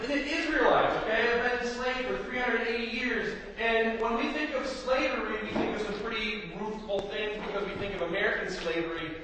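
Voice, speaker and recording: A man from Appalachia preaching a sermon in a big, loud voice to a church group, with jokey, self-mocking asides. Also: sits high, slight background noise. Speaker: guest preacher and youth speaker. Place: church hall, large room. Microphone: no microphone, picked up from a distance. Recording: echoey hall from far off.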